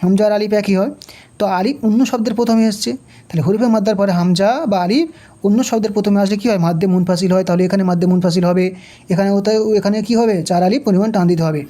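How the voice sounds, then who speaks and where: Mellow-voiced patient Quran reading teacher. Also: medium pitch, fairly even intonation. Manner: patient, repetitive, spells out letters and vowel marks slowly. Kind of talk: step-by-step recitation lesson.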